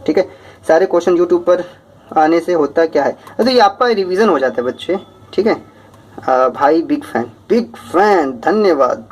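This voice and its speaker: A man, a teacher out of breath from talking fast as he reads out viewers' comments. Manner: lively, talks fast, rises in pitch.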